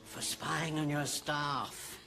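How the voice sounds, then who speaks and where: A theatrical, suggestive swinger husband. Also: male voice, a little high, flat delivery, takes it slowly, vocal fry, pushed and bright, faint music behind, heavily acted. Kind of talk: sitcom acting.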